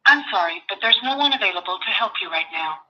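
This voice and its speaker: A woman's voice: mid-range voice, lively intonation, quick pace, sharp tone. Female automated voicemail voice, heard over a dull landline phone line, evenly paced prompts. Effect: heard through a landline phone line. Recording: thin, muffled phone line.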